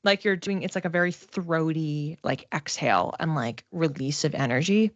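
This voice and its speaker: In a dry, slightly dull lo-fi recording with no room sound, a woman with a lowish voice gives live online psychic readings. She improvises casually, thinking aloud, pausing and hedging as she goes.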